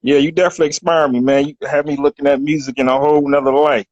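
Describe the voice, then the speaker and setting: Man, from virginia, caller, stumbles over words, slightly high voice. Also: little pitch movement, darkish tone, no room sound, highs cut off. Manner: halting, repeats words, slangy. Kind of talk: casual call-in chat.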